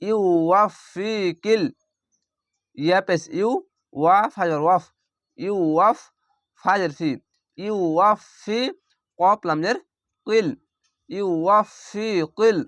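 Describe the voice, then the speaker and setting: This young man from Bangladesh speaks slowly and pauses often in a high, slightly bright voice. In a Bangladeshi Bengali accent he teaches a slow, spelled-out Quran recitation lesson, spelling each word letter by letter and drawing out the recited words. He is recorded close to the mic with no echo.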